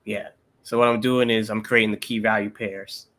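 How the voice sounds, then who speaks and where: Low-voiced young man explaining code. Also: little pitch movement, normal speed, fairly bright tone. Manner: laid-back, talks through code step by step. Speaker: interview candidate studying coding. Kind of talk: casual pair-programming chat.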